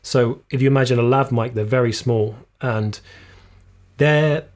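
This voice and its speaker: A man hosting a live videography Q&A stream, explaining gear casually, slightly losing his voice, recorded on a boom shotgun mic in a small room. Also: measured pace, darkish tone. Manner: casual, explanatory, reads viewer comments aloud. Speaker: videography channel host. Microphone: shotgun boom mic just out of shot.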